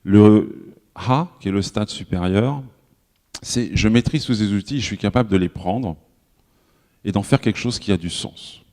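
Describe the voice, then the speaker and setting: A man with a French accent speaking at a conference, chatty and full of fillers and quick self-corrections. His voice sits fairly low, and it rings out with the long reverb of a large hall. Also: darkish tone. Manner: conversational, many fillers and self-corrections, addresses the audience directly. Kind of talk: live conference talk.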